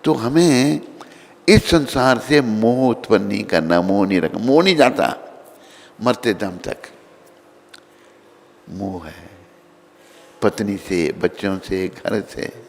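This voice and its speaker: Gravelly-voiced male preacher in a hall. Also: on the low side, slow pace, long pauses. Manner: animated, acts out characters' voices. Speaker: swami preacher. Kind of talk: devotional sermon storytelling. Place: temple hall. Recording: reverberant hall.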